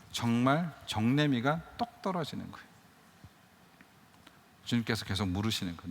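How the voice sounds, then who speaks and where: A middle-aged man gives a testimony sermon about his life as a missionary surgeon. His voice is lively and climbs loud, then sinks to a near murmur. The long reverb of a large church hall trails each phrase. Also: medium pitch. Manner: earnest storytelling, swells loud then drops to a murmur. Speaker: missionary surgeon guest speaker.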